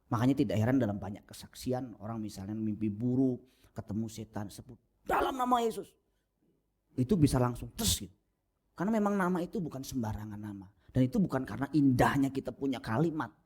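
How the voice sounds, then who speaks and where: A man preaching a sermon as pastor, animated and jokey, with mimicry and sudden soft asides, on a lo-fi church recording. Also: breathy edge. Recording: lo-fi low-bitrate church recording.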